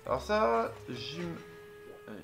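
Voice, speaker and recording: A man's voice: on the high side, big pitch swings, takes it slowly, creaky. A man giving casual gameplay commentary as a let's play host, thinking aloud and hesitating with many fillers. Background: game music.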